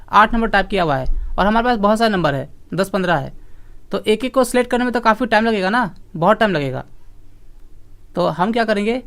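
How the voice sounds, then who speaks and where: A man with a high-pitched, fairly bright voice teaches an online computer class, patiently explaining each step and repeating key points. When students interrupt, he scolds them sternly.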